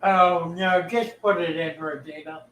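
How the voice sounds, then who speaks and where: The fish keeper hosting this livestream is an older man whose slightly high, fairly bright voice stays steady and unhurried as he reads comments from viewers. It's easygoing, folksy chat, recorded at low quality in a roomy space.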